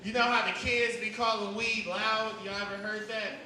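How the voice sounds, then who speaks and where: A man performing a stand-up comedy set on stage, rambling loosely between bursts of loud emphasis. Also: high-pitched, flat delivery, moderate pace, a crowd in the background. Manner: loose, rambling delivery with sudden loud outbursts. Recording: roomy, distant live club recording with noise.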